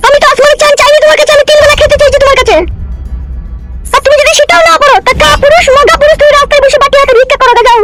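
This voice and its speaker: A woman voicing a fed-up runaway wife in a cartoon, scornfully listing her complaints. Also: extremely high pitch. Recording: background music.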